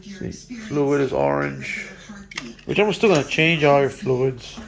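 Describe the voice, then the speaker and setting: A man's voice: a little high, lively intonation, slow pace, gravelly. A man explaining a motorcycle repair in a casual workshop walkthrough, rambling with many fillers and restarts, blunt and swearing now and then. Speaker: motorcycle mechanic.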